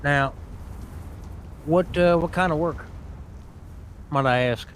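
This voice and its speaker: A man playing a young, wary adventurer who asks halting, chatty questions in a tabletop game. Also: fairly high pitch, fairly bright tone, a little hiss or hum. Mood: curious. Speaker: player. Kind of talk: tabletop role-play in character.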